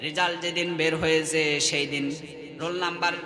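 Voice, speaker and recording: A man preaching a Bengali waz sermon with a Bangladeshi accent, telling stories with sung, chanted rises and sudden hushed drops, and calling on the crowd to respond. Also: fairly high pitch, little pitch movement, normal speed. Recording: echoey open-air hall with long reverb.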